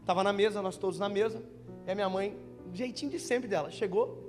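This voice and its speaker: A young Brazilian pastor with a high voice preaches at a youth conference. He jokes, tells stories and calls his listeners brother. Music plays underneath the live church recording. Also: a little fast, big-room sound. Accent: Brazilian Portuguese. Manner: joking, storytelling, addressing listeners as brother. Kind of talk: lively conference sermon.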